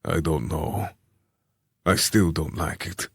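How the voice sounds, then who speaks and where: Man voicing a deep-voiced, wary bearded king. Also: fairly even intonation, slow pace, vocal fry, husky, no echo, clean studio sound, heavily acted. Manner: blunt, distrustful. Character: bearded male ruler, gruff and wary.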